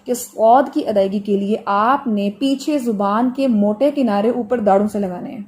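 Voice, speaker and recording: In an online tajweed lesson, a woman with a mid-range voice and darkish tone patiently teaches Quranic letter pronunciation through everyday examples. She stretches sounds slowly for students to mimic, and a little hiss or hum can be heard.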